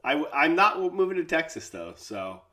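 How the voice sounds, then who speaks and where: A man's voice: a little high, very animated, brisk, bright, forceful tone. A man co-hosting a podcast, chatting casually and joking with his co-host over a remote call. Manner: playful, joking, laughs often. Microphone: remote call recording.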